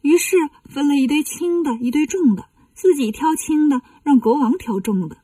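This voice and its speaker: A woman narrating a classic tale for children, gentle and explaining. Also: high voice, lively intonation, moderate pace, no echo, far from the mic. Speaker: children's storyteller.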